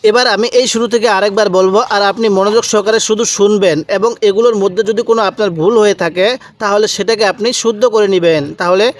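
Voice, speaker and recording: A man teaching Quran reading, drawing out each syllable slowly, repeating sounds and asking the viewer to say them back. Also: sits high. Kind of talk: slow, patient recitation lesson.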